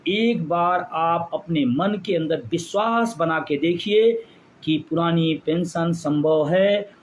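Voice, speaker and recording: A high-pitched man delivering a fiery rally speech. He builds his points by repeating phrases and drives them home with passion. A faint hiss of noise sits under his voice. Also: slow pace. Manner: impassioned orator, repeats phrases for emphasis. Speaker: pension movement leader.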